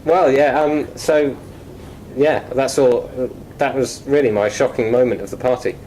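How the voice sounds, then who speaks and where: A man's voice: mid-range voice, fairly even intonation, unhurried, a little mellow, rough recording. Man, British accent, hesitant, wry, casual chat, faint background noise. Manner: hesitant, wry, many ums. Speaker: guest in a mock chat show. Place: office.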